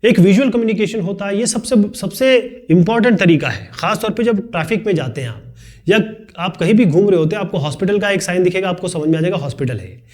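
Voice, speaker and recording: A man with a fairly high, slightly mellow voice and lively intonation gives a fast-paced Hindi tutorial lecture at a brisk clip. He chats as he goes, explaining points with everyday examples and adding light asides.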